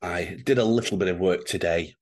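A man co-hosts a casual football podcast in a low, fairly quick voice. Wheezy and congested from the flu, he speaks hesitantly and keeps stammering and restarting.

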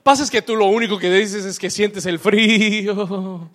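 A man preaching a sermon in church, calling for responses from the congregation, slipping English phrases in and building up to shouts. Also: high voice, a little slow. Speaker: pastor.

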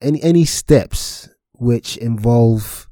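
Low, mellow podcast co-host, hesitant and searching for words, dry close sound. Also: male voice, takes it slowly, dry recording. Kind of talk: casual finance podcast chat.

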